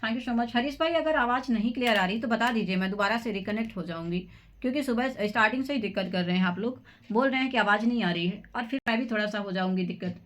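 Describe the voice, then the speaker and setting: A woman's voice: a little high, fast. A woman from Madhya Pradesh teaching an exam-prep quiz on a live stream, repeating each answer and greeting viewers in the chat. She talks in a friendly, coaxing way. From Madhya Pradesh, India. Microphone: device mic after removing her own microphone.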